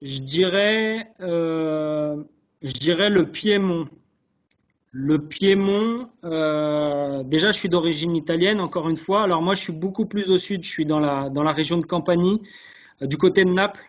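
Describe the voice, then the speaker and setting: A man with a fairly high, unhurried voice answers interview questions earnestly as a guest chef sommelier on an online video call. He hesitates and repeats words while searching for them, and the webinar audio sounds dull.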